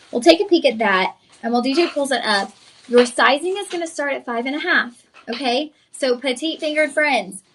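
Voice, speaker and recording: A young woman hosts a live shopping stream, pitching products effusively and chattily and calling her viewers y'all. Her voice is fairly high and bright, with slight background noise.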